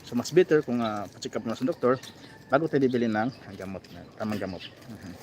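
Man, Filipino accent, live-stream host, reads out viewer greetings, middle pitch, faint outdoor hiss with birds. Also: animated, a little fast, a little mellow. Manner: reads viewer names and comments aloud with fillers. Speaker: vlogger reading live chat. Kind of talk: casual live-stream chat.

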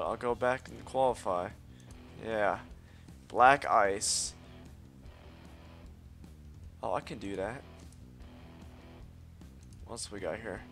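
A man giving live gameplay commentary, boasting, swearing often and yelping when things go wrong. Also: mid-range voice. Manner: excitable, swears often, yelps at mishaps; cocky trash talk. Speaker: let's play host.

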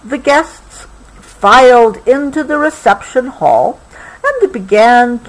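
A woman reads a children's picture book aloud at a leisurely pace, her pitch swinging expressively. Like a patient parent, she pauses to explain and clarify words along the way, and the recording is rough.

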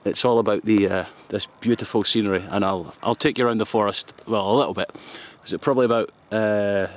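This fast-talking Scotsman in his fifties has a low-leaning, steady voice. He's a shaving vlogger chatting casually to a camera at arm's length as he shaves in a forest, joking and laughing frequently.

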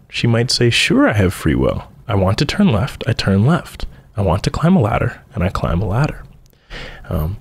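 A man's voice: on the low side, a little mellow. A young man hosting a podcast, talking through ideas in a casual solo monologue with frequent ums and restarts. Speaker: podcast host.

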